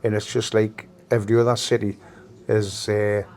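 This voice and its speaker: Halting Geordie man reminiscing. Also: lowish voice, flat delivery, darkish tone. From Newcastle, England. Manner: halting, repeats phrases. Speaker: former gang member being interviewed. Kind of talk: reminiscing interview talk.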